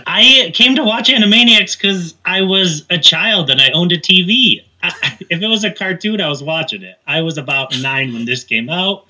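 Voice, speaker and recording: A man's voice: medium pitch, bright, forceful tone, poor audio. A man in his thirties, a podcast panelist and moderator, talking in an easygoing, earnest way. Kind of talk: casual chat.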